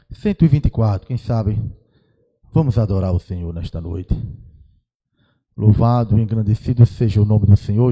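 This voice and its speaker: A man's voice: fairly low pitch, dark tone, dull audio. A man, an evangelist greeting the church and calling out a hymn number. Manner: unhurried, drawn-out announcing of hymn numbers. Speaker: evangelist leading hymns. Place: church sanctuary.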